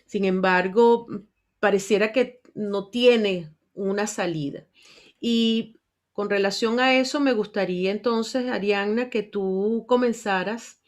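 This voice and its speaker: A woman's voice: mid-range voice, takes it slowly. Woman host, online panel, casual filler-heavy chat, video-call sound. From Venezuela. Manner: warm, chatty, frequent "este" fillers.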